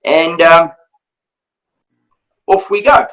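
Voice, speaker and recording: High, bright-voiced man telling a story. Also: drawn-out words, rough recording. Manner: animated, laughing, acts out voices. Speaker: professional hunter. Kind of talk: casual storytelling.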